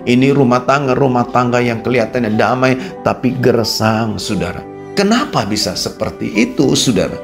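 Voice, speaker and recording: A man with an Indonesian accent preaching a radio sermon. He talks straight to his listeners and swings between low quiet asides and raised, emphatic peaks. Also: expressive, moderate pace, music in the background. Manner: addresses listeners as "Saudara" constantly. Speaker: pastor. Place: radio studio.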